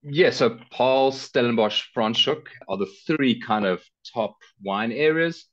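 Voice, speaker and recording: A middle-aged South African man, director of a car rental company, chats casually as a travel guest in an interview. His mid-range voice is unhurried with a fairly bright tone. He speaks through a headset on a video call, and the audio comes across slightly dull.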